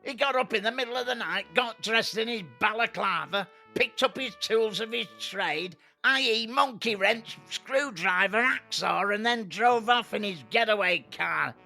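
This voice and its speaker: A man's voice: sits high, normal speed, creaky, few pauses, bright, forceful tone, faint music behind, exaggerated voice. A man voicing a harsh, bigoted male judge who hands out absurd sentences in a blustering, pompous manner.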